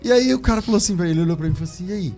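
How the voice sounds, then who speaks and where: A man, a pastor, telling his conversion story in casual chat, animated and laughing as he acts out the voices of others. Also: high-pitched, rapid-fire, faint music behind.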